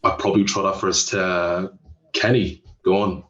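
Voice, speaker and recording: A man chairing a panel discussion in a relaxed, chatty way with many fillers, on a video call. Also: low-pitched, moderate pace, roomy sound, dull audio.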